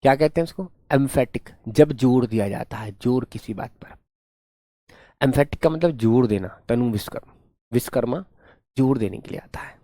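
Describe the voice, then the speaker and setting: A man's voice: mid-range voice, moderate pace, dark tone, no echo, clean studio sound. Patient male grammar teacher. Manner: patient, repetitive, calls students "son". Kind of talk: online class lecture.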